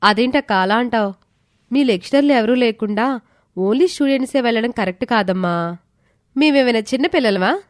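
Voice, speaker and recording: A woman's voice: on the high side, lively intonation, fairly quick, pauses often, dry recording, studio quality, lightly acted. A woman voicing a sulky, sarcastic college-going younger sister in a storybook tale. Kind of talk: storybook dialogue acting.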